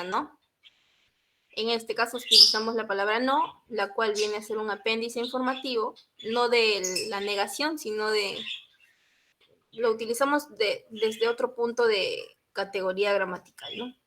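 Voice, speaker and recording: A woman's voice: fairly high pitch, fairly even intonation, normal speed, noisy background. A young woman from Peru, a university student giving a class presentation in an explanatory way, often adding a short tag question.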